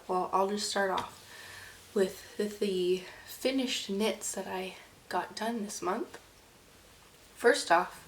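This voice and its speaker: A young woman with a cold, speaking softly and haltingly as she chats through her monthly knitting recap, her voice congested and sometimes slipping into a whisper. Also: mid-range voice, a little hiss or hum. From Oregon, USA. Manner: soft and halting, slipping into whispers between coughs. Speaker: knitting vlogger. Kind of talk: casual chat.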